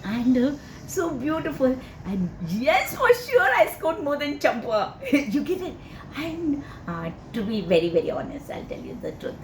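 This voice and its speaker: An older woman with an Indian accent who recites a poem and then tells a chatty, animated personal story, laughing often and filling pauses with "uh" and "you know.". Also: sits high, a little hiss or hum. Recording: echoey room with faint ambience.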